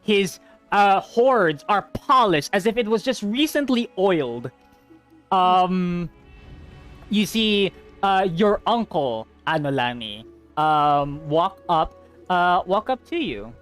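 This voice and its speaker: Slow, halting man narrating a game. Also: high voice, expressive, a bit bright, faint music behind. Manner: slow, halting, many fillers. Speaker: game master.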